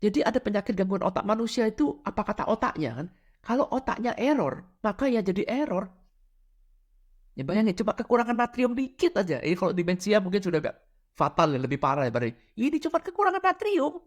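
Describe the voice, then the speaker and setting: A man's voice: sits high, big pitch swings, fast. A man giving a casual spiritual lecture as a teacher, explaining through everyday examples and often checking in with his listeners.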